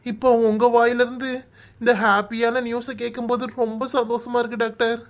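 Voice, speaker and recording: An earnest, emotional young husband in a cartoon voiced by a woman, his voice at a middle pitch. He thanks people over and over, gushing with gratitude. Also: little pitch movement, fairly quick, dull audio, natural voice. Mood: overjoyed. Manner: earnest, overjoyed. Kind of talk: cartoon voice acting.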